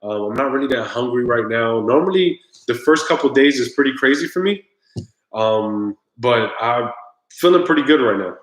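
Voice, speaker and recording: Casual male streamer, mid pitch, relaxed chat in a roomy space. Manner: laid-back, talks straight to viewers, groans at the drink. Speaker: live stream host.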